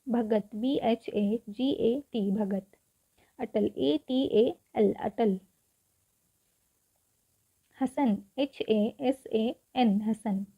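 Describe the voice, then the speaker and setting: A woman with a fairly high voice teaches spelling, spelling each word out letter by letter and then saying it again. She keeps asking the viewer short rhetorical questions. The recording sounds dull and lo-fi. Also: drawn-out words, pauses often, breathy edge. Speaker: English teacher. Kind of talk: spelling lesson, Hindi explanation.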